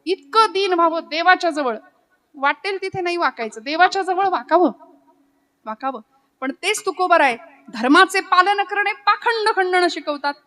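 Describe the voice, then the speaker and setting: A woman from Maharashtra leads a devotional kirtan with a high voice. She tells her stories with flair and slips into sung verses. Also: normal speed, bright, forceful tone. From Maharashtra, India. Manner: dramatic storytelling, breaking into sung verses. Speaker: kirtan preacher.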